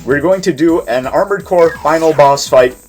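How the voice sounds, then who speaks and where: A man's voice: fairly high pitch, moderate pace, a little mellow, soft background music. A man giving explanatory gameplay commentary, putting emphasis on key words as he plays. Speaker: game player and commentator.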